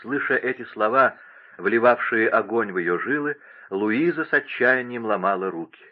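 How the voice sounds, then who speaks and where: Man narrating a classic novel, measured. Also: mid-range voice, narrow, tinny audio.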